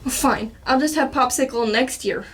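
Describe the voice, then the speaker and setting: A woman's voice: high voice, moderate pace, a bit bright, husky. A woman voicing her stubborn three-year-old son, whiny and pouty.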